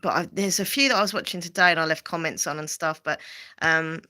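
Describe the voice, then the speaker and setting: A woman's voice: low-pitched, fast, sharp tone. A woman from Southend with an Essex accent, hosting a rambling, casual livestream chat full of fillers and repeats. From Southend, England. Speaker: livestream host.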